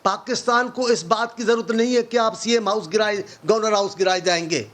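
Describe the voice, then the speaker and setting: Brief: man, high-pitched, heated opposition politician, sarcastic, rhetorical. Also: fairly even intonation, fairly bright tone. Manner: impassioned, sarcastic, fires rhetorical questions. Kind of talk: political talk show debate.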